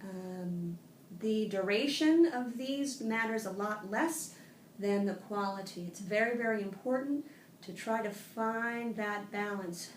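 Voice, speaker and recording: Woman voice therapist, calm instructional delivery, tablet recording in an echoey room. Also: medium pitch, slow, far from the mic, slight background noise. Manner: calm explanatory, demonstrates sung vocal sounds. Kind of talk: instructional voice exercise lesson. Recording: roomy tablet recording with faint ambience.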